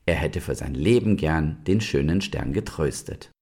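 A man reading a children's storybook aloud in an expressive, measured way. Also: very deep voice, slightly rough.

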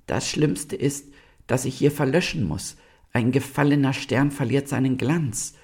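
A man's voice: medium pitch, unhurried, darkish tone, slightly rough, voice pushed up. A man reading a storybook aloud and voicing a sorrowful fallen star that laments in a plaintive, wailing voice. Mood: lamenting.

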